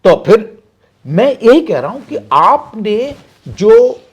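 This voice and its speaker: Animated high-voiced man explaining earnestly. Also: slow pace, husky, highs cut off. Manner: earnest, animated, formal Hindi vocabulary. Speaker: university professor, interview guest. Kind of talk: interview, explaining at length.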